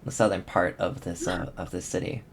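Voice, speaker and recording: Gravelly low-voiced game master. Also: male voice, steady tone, normal speed. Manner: hesitant, many ums, casual descriptive narration. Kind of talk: narrating a tabletop game.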